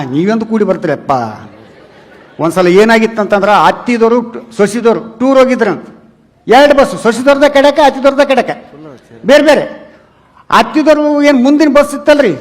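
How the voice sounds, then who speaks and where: A man with a very high, light voice and a North Karnataka Kannada accent performs stand-up comedy. He tells chatty stories and keeps turning to address the audience directly. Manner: chatty storytelling, repeatedly calls the audience "relatives". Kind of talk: humorous stage talk to a live audience.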